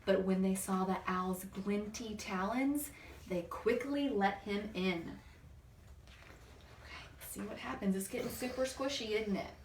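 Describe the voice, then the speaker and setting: Reading a children's picture book expressively, a female teacher and storybook reader pauses for chatty comments and questions aimed at a young listener. She speaks at a measured pace in a medium-pitched voice, recorded from a distant mic in a roomy space with background noise.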